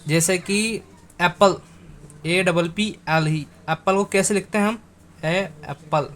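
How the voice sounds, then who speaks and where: A man with a high, somewhat bright voice teaches grammar, repeating words slowly over and over and spelling them letter by letter while addressing viewers like friends.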